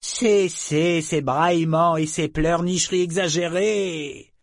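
A man voicing a haughty ancient female dragon who speaks slowly and with contempt. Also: a little high, fairly even intonation, no room sound, studio quality, pitched above the performer's own voice. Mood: haughty disdain. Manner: slow, imperious, contemptuous.

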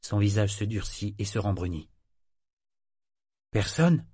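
A man reading a novel aloud as narrator, in a measured, even way. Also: on the low side, no room sound, clean studio sound. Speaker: audiobook narrator. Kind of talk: scripted narration.

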